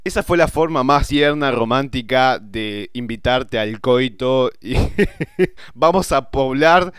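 A man in his thirties with an Argentine accent, hosting a casual reaction video with excitable, joking asides, speaking into a handheld mic in a small home studio. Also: medium pitch, slow, smooth. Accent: Argentine Spanish. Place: small home studio room with colored lights. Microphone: handheld microphone held close. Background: faint music from the video being watched.

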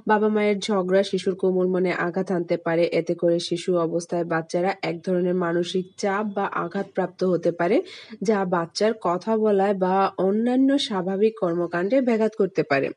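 Woman calmly reading parenting tips. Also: medium pitch, no room sound. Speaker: parenting channel host. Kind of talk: scripted voice-over tips.

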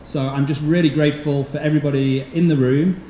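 A slightly high-pitched man speaks as school principal, welcoming and thanking a seated crowd in a relaxed, chatty way, filling pauses with ums. His handheld mic carries into an echoey hall, with a faint hiss underneath. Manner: casual, thankful, with frequent ums. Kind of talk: welcome speech to an audience. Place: large event hall with seated audience. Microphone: handheld microphone.

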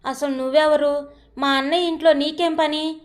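A woman voicing a proud young man who is curt and quick to anger. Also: high-pitched, fairly even intonation, lightly acted. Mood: irritated. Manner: curt, irritated.

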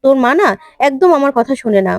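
A woman's voice: high-pitched, lively intonation, darkish tone, no room sound. A woman voicing an older man who grumbles at his wife for crying. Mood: grumbling. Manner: quick, grumbling complaints.

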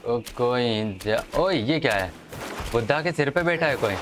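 Over game music and background noise, a man chats casually while playing, speaking to his viewers and to the enemies on screen. His medium-pitched voice is animated, and he talks a little slowly.

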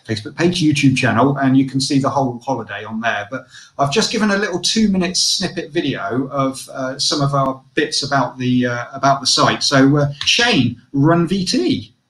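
A man's voice: medium pitch, expressive, moderate pace, a bit bright, reverberant. A man reviewing a caravan site in a casual online show, chatty, with lots of fillers and restarts.

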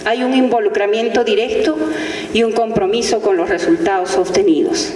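A woman's voice: medium pitch, moderate pace, slight background noise. A middle-aged woman, a faculty dean reading a prepared formal speech at a podium. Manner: steady, reading a prepared text. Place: large ceremonial hall. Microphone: podium microphone. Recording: reverberant hall from a distance.

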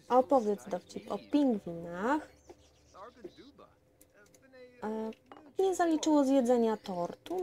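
Young woman gamer, relaxed unhurried delivery, mid-pitched, chatty commentary that coaxes on-screen characters and talks straight to viewers. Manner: chatty, coaxes her game characters and addresses viewers directly. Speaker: gameplay commentator. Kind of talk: casual let's-play commentary.

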